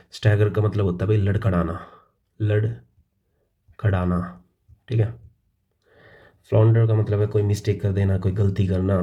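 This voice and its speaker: A man teaching English vocabulary, explaining words casually in Hindi and reading English definitions slowly. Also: on the low side, dark tone, dull audio. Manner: calls listeners "भाई".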